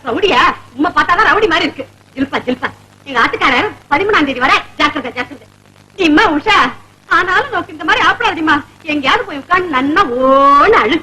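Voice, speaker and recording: A bossy, scheming middle-aged auntie in an old film comedy. Her voice sits high and swings up and down as she scolds and plots, bright and edgy, with a theatrical flair. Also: expressive, fast talker, slight background noise, heavily acted, rough recording. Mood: indignant. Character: bossy meddling middle-aged woman neighbour. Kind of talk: 1970s Tamil film comedy acting.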